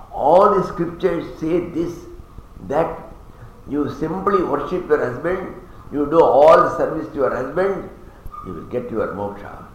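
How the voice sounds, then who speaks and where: A religious teacher with a somewhat high, fairly bright voice chants Sanskrit verses and explains them in a discourse laced with humor. He's recorded in a very echoey hall with faint background noise.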